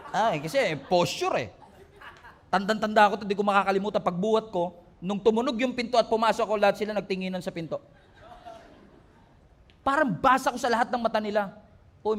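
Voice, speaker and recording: A man, preaching a sermon as a pastor in an animated way. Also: high voice. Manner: animated preaching, acts out quoted voices, laughs along.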